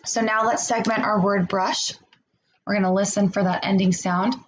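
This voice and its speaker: A woman teaching a remote phonics lesson to young children, enunciating deliberately, sounding out word parts separately and prompting with encouraging questions. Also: medium pitch, steady tone, slight background noise, rough recording.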